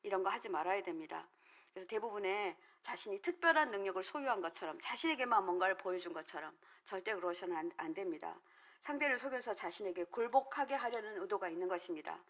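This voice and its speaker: Speaking at a prayer meeting, this middle-aged pastor and dream-analysis-trained counselor preaches earnestly, explaining as she goes and leaning on frequent fillers. Her voice sits at medium pitch with a fairly bright quality.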